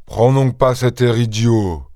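A man voicing a brutish, angry peasant farmer in an audiobook, gruff and bullying. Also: medium pitch, slow pace, dark tone, dry recording, clean studio sound. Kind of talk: audiobook character voice.

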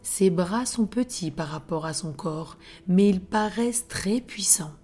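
Slow, soft-voiced woman telling a bedtime story. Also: fairly low pitch, animated, husky, soft background music. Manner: soft, hushed, often whispered. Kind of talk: scripted bedtime story narration.

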